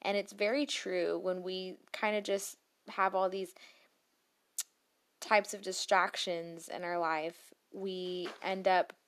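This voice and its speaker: A woman's voice: fairly low pitch, little pitch movement, takes it slowly. A woman hosting a podcast, reading out self-help advice with casual, reassuring asides in a conversational way. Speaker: podcast host.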